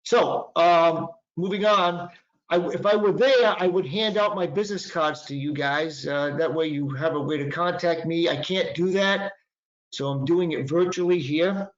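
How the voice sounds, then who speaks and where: A man's voice: a little high, steady tone, measured pace. A man in his sixties with a Boston accent, an attorney giving a conversational webinar presentation with many fillers and restarts. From Northeastern United States. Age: 60s. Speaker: patent and trademark attorney presenter. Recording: echoey, dull lo-fi room sound.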